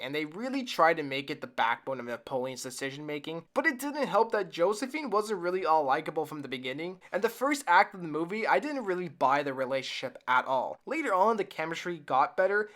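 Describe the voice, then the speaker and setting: A film reviewer giving a comedic, sarcastic review with frequent laughs. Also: medium pitch. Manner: sarcastic, animated, laughs often.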